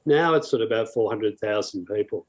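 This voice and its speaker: An older Australian man, a podcast guest, talking in a relaxed, informative way. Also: on the low side, brisk. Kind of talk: casual interview talk.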